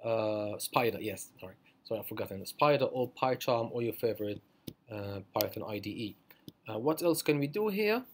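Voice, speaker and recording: A man's voice: on the low side, lively intonation, normal speed, a little hiss or hum. Hesitant man teaching a coding screencast. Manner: hesitant, many fillers and self-corrections. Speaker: programming instructor.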